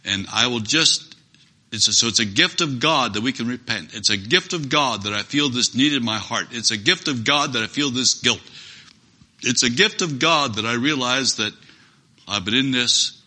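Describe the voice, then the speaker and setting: A man's voice: medium pitch, normal speed, bright, forceful tone. A man preaching a sermon, earnest and emphatic, repeating phrases for stress.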